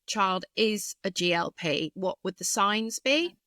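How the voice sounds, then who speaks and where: Smooth-voiced woman explaining thoughtfully. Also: medium pitch, slow, pushed and bright, no echo. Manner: thoughtful, hesitant with many fillers. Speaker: speech therapist guest. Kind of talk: explanatory interview talk.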